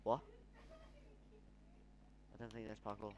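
A man's voice: on the low side, completely flat delivery, a little slow, background noise. A man joining a game session from across the room, blurting short, puzzled questions. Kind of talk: casual gameplay chat.

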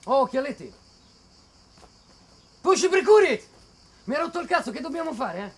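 An actor playing a volatile, menacing militiaman who taunts and mocks, then bursts into shouting. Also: very high-pitched, big pitch swings, moderate pace. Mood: furious. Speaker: soldier threatening a journalist. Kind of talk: film acting.

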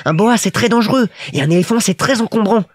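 A small boy prince from a storybook, curious, earnest and gently stubborn. The voice sits far higher than the reader's own, with a slightly distant, different timbre. He asks his questions insistently and with wide-eyed wonder. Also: fast talker.

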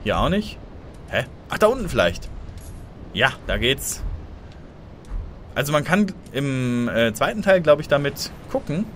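A man commentating a blind let's play, excitable and easily startled, chatting to viewers and making little sound effects as he plays. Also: mid-range voice, unhurried, long pauses, slight background noise.

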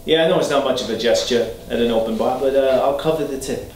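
A man's voice: medium pitch, fast, a little mellow, a little hiss or hum, lightly acted. A man in his thirties acting a belligerent, needling sports dad at a bar, with a Boston accent and a blunt, goading manner, in a very echoey room. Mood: brash, casual. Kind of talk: acted monologue for an audition tape. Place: small bare room, indoors.

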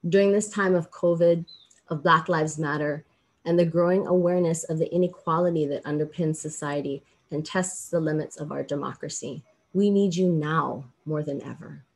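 Earnest woman giving a commencement address. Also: low-pitched. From Hawaii. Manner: earnest, measured, emphatic pauses. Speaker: commencement speaker, law professor. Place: indoors, small room with plain backdrop. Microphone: video call.

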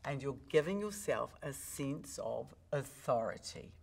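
Speaking at a measured pace, this creaky-voiced speaking coach from New Zealand discusses technique on a podcast. She demonstrates expressively, acting out examples and letting her pitch swing dramatically.

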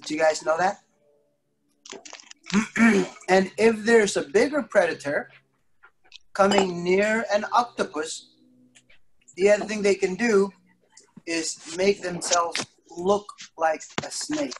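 Telling playful, interactive stories to young kids, a middle-aged man hams up his surprise and draws out his words while teaching over a video call. He has a high-pitched voice. He's in an indoor studio on a nearby device mic, and the call carries background noise and clicks.

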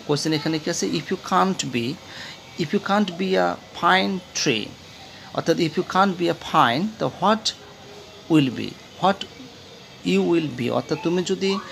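A male tutor with a Bangladeshi accent talks through a textbook chapter, asking the class a question and then answering it himself. His voice sits at an ordinary pitch with a gravelly edge. There is a faint hiss of background noise behind him. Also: fairly bright tone. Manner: asks questions and answers them himself, repeats key words slowly. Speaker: English teacher. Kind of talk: classroom lesson explaining a textbook.

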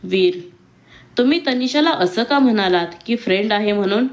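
A woman voicing a timid, hesitant young woman in a read-aloud romance story, speaking with soft pleading. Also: medium pitch, expressive, moderate pace, close to an everyday voice. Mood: questioning.

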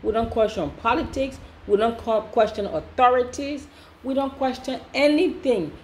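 A woman's voice: on the high side, normal speed, slight background noise. Emphatic woman commentator. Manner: emphatic, repetitive, preachy. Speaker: commentator, channel host. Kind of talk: reaction commentary.

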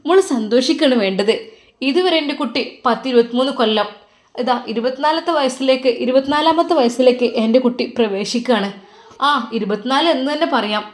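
A woman voicing a caring middle-aged mother, who soothes and coaxes her grown daughter softly. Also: sits high, fairly quick, natural voice. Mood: comforting. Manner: soothing, coaxing.

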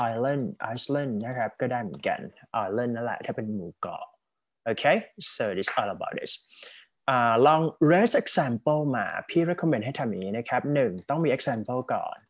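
A young Thai man teaching an online English speaking lesson, switching between Thai and English and explaining step by step with frequent check-ins. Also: mid-range voice. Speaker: English tutor.

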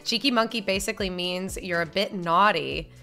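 A woman's voice: mid-range voice, moderate pace, pushed and bright, soft background music. A young woman from upstate New York, live streaming and chatting bluntly with viewers as she reads their messages. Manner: blunt, candid, swears casually.

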